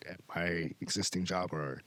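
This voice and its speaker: Restating his guest's points, a US podcast host with an American accent presses with probing follow-up questions. His voice sits low and is fairly bright, with a steady tone and normal speed.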